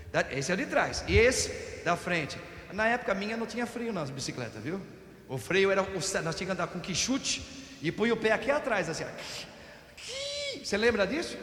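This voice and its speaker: A middle-aged Brazilian priest giving an Easter homily, telling folksy stories with everyday examples. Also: male voice, sits high, a bit bright, slight background noise. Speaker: parish priest. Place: parish church. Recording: echoey church with long reverb.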